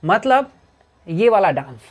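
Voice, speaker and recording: A man's voice: high voice, very animated. Indian male physics teacher lecturing. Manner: asks rhetorical questions and answers them himself; reads English definitions slowly and deliberately. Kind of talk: classroom revision lecture.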